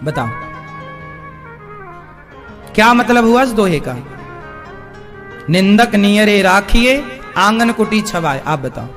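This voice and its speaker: A male spiritual preacher giving a live devotional discourse, animated, questioning his audience and acting out voices. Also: high voice, slow pace, long pauses, soft background music.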